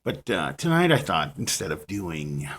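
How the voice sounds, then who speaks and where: A man with a husky, somewhat low voice rants casually about a show to his viewers. His pitch swings around a lot as he goes, and he keeps circling back with "you know" and false starts. He comes across opinionated but self-deprecating. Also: big pitch swings, unhurried, a bit bright. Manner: rambling, full of "you know" and restarts. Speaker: vlogger reviewing a TV episode. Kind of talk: casual rant to camera.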